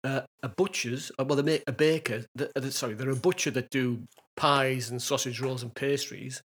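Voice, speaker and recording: Podcast guy, bit husky, casual chat, chimes in with little jokes. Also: mid-range voice, fairly even intonation, fairly bright tone. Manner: supportive listener, quick jokey interjections. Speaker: podcast co-host.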